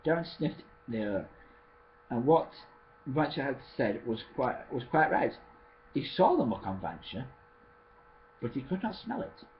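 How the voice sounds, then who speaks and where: A man retells a story in a casual way, stopping to correct himself and starting lines over. His pitch sits in the middle but swings widely. The recording sounds slightly dull, with a faint hum underneath. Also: sing-song. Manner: halting, with many restarts and self-corrections.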